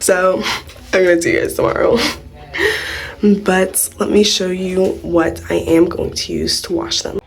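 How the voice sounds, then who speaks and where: A woman's voice: fairly low pitch, darkish tone, breathy edge. A teenage girl chatting casually to her viewers in a home vlog, giggly and tired, with a sore throat. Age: teens. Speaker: vlogger.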